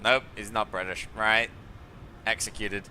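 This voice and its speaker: Exasperated but chatty, a man streaming a flight simulator jokes about air traffic and the ground crews, laughing at the ground crew a lot in his live commentary. His voice is on the low side with little pitch movement and a somewhat slow pace.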